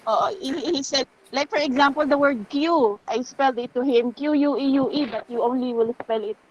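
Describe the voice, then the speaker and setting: A woman's voice: high voice, fairly quick, highs cut off, a little hiss or hum. A woman student with a Filipino accent, chatty and switching between Filipino and English in an online class.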